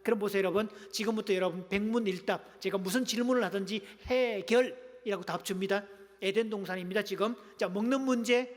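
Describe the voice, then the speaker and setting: A middle-aged man preaching a sermon, his voice sitting high for a man and full of playful, engaging humor as he keeps calling on the congregation. His voice carries a long reverb from the church hall around him. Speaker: pastor. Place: church sanctuary.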